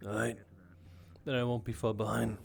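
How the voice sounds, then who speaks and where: A man playing a guarded, questioning security worker in an online role-play, speaking haltingly and repeating himself. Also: fairly low pitch, little pitch movement, vocal fry, faint music behind. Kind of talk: improvised in-character role-play in an online game.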